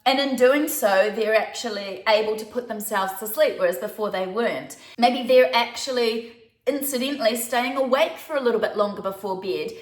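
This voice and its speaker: Speaking to her viewers at a normal pace, a New Zealand woman with a fairly high voice shares baby sleep advice in a chatty, conversational way with light laughs. It's a casual talk to camera, recorded with roomy echo.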